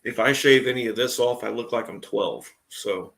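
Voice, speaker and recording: A man's voice: mid-range voice, normal speed, gravelly, a bit bright. A man in his forties hosting a casual live stream, chatting in a laid-back way and greeting viewers as they join. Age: 40s.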